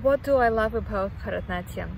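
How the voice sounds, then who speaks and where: A woman's voice: medium pitch, fast talker, gravelly, low-quality recording. A woman in her thirties from Kazakhstan, answering interview questions about dance outdoors, thoughtful and searching for her words. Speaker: dance teacher. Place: outdoors in a park.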